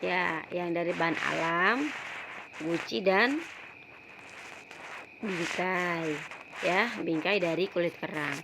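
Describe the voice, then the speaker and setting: A woman's voice: on the low side, takes it slowly, creaky, pauses often, noisy background. A woman teaching young pupils in a recorded online lesson, affectionately calling them dear and ending phrases with "ya". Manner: calls pupils "sayang", frequent "ya" tags, repeats words. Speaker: primary school teacher.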